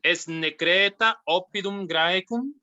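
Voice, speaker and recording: A man reading a practice dialogue aloud in a class, slowly and carefully. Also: high-pitched, bright, forceful tone, no room sound. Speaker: student. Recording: dry, dull lo-fi mic.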